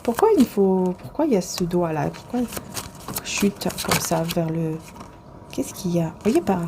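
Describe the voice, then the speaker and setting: A woman's voice: on the low side, noisy background. A woman reading tarot cards to the viewer in a casual, rambling way, with many hesitations and restarts. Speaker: tarot and oracle card reader.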